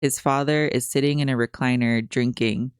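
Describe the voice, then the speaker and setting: A podcast co-host reads TV recap notes in a tongue-in-cheek newscaster style, then slips back into casual chat. The voice sits at a middle pitch. It is recorded close and dry, with no room sound. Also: fairly even intonation, moderate pace, smooth, dry recording.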